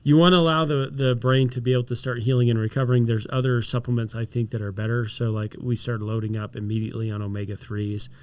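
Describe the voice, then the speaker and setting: A man's voice: medium pitch, fast, few pauses, clean tone. Man explaining health tips casually. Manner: storytelling, mixes explanation with animated reenacted quotes. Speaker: chiropractor and podcast host. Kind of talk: casual health podcast chat.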